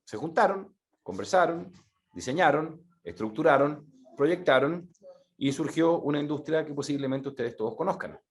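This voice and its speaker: Chilean man, middle-aged, talk to an audience, animated, fairly high voice. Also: moderate pace. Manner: animated, repeats words for emphasis. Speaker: speaker presenting a methodology.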